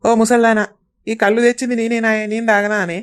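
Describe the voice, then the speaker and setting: Woman putting on a lower voice, teasing village grandson, telangana accent, a bit far from mic. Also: little pitch movement, fast talker, smooth, natural voice. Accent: Telangana Telugu. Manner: teasing, scolding.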